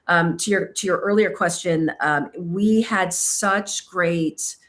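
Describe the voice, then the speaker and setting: Woman filmmaker from Kentucky, slightly low voice, reflective, self-deprecating, halting interview delivery. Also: fairly bright tone. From Kentucky, United States. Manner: thoughtful, self-deprecating, searching for words. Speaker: filmmaker and author. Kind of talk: casual interview answers.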